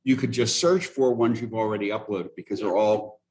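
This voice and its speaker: A man leading a teaching workshop as a casual live software demo, thinking aloud and correcting himself as he goes, heard over a video call. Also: on the low side, brisk.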